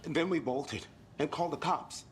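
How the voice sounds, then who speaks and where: An actor playing a blunt, crude tourist husband in a video game, recounting events in a rambling way. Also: male voice, fairly high pitch, normal speed, a little hiss or hum, natural voice. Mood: shaken.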